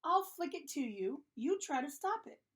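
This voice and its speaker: An eager young boy shark from a children's storybook, cheerful and excitable, with a high voice that leaps about lively as a woman reads him out. He sounds upbeat and keen. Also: normal speed. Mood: encouraging.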